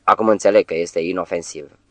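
A man's voice: low voice, steady tone, no room sound, lightly acted. A man voicing an exultant young woman newly turned witch, staying close to his own reading voice.

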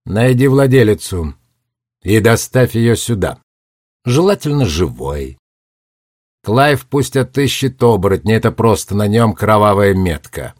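A man's voice: lowish voice, lively intonation, measured pace, a little mellow, dry recording. A man reading a story aloud and voicing a cold, calculating warlock who gives orders with dry irony. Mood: commanding. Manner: commanding, dryly ironic.

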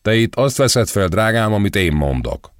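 An arrogant, flamboyant fashion designer in a spoken storybook, as a male reader puts him on. He scolds and shouts in a raised, sharply swinging voice, full of disdain. The recording is dry and close. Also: lowish voice, sing-song, no room sound, voice pushed up. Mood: scornful. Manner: scornful, irritated, shouting.

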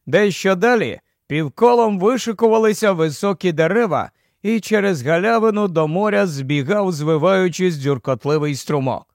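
A man narrating an audiobook in a steady, even storytelling manner. His voice sits high for a man, and the recording is close and dry with no room sound. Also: moderate pace, few pauses, dry recording. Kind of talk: scripted narration.

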